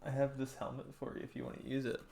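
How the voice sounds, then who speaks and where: A man with a gravelly, fry-edged voice at an ordinary pitch, co-hosting a casual podcast. He teases his co-host in a relaxed way and laughs often. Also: racing. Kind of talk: casual chat.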